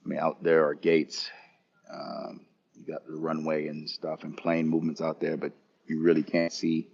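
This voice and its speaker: Male travel streamer, deep husky voice, casual unhurried tour of an airport lounge. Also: monotone, a little mellow, muffled recording. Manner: casual, unhurried, talking to chat viewers. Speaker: travel vlogger. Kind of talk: live-streamed lounge walkthrough.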